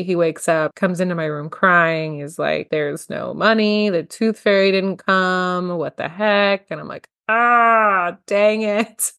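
A woman's voice: lowish voice, creaky, dry recording, clean studio sound. A woman in her thirties telling a personal story on her podcast, chatty and laughing often as she acts out quotes. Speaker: podcast host. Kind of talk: casual solo podcast storytelling.

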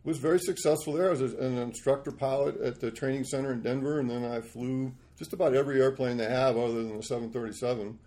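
A man in his sixties, a podcast guest, telling rambling, animated stories about his life. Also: mid-range voice, quick pace, few pauses. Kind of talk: storytelling interview.

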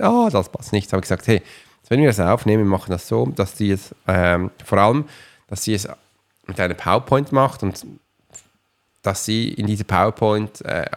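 A man, talking as a podcast host and coach in a chatty, rambling way and speaking straight to the listener. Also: lowish voice. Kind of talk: casual motivational monologue.

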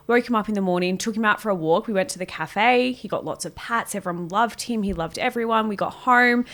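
A young woman co-hosting a podcast tells a story in casual conversation, her mid-range voice brisk and slightly bright. She swears freely and laughs often.

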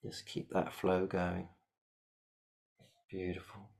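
A man with a low, gravelly voice leads a guided shamanic meditation, speaking slowly and giving calm, repetitive step-by-step instructions.

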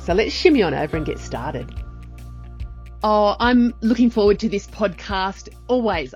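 A woman's voice: lowish voice, darkish tone, no echo, highs cut off. A woman with an Australian accent hosting a casual podcast chat, effusive and enthusiastic. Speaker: podcast host.

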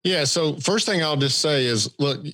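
A podcast co-host from Georgia in the United States talks in a thick Southern accent, casual, folksy and self-deprecating. His voice is a little high with a sharp tone at a moderate pace. The recording has no echo, suited to casual conversational podcast talk.

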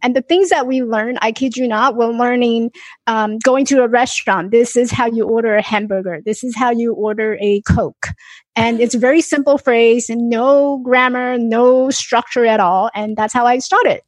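High-voiced woman guest. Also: normal speed, no echo. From Taiwan. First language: Mandarin Chinese. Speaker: life coach guest. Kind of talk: podcast interview.

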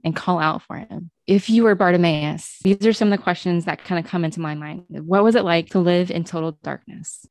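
A woman's voice: fairly low pitch, darkish tone, no echo. A woman talking earnestly about prayer and scripture, asking many questions and using "like" often. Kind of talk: reflective Bible teaching chat.

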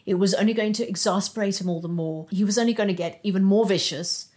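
A woman giving an emotional personal testimony as a podcast guest, speaking haltingly with restarts and some soft, whispered moments. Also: mid-range voice.

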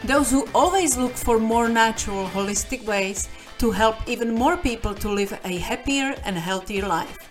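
A woman with a Czech accent hosting a podcast interview, upbeat and inviting, with emphatic delivery. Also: on the high side. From Czech Republic. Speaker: podcast host. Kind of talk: podcast interview with scripted intro.

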